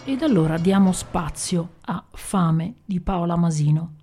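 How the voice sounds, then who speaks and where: A woman reading literary fiction aloud with a measured, dramatic delivery. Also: fairly low pitch, music in the background. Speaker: literary reader.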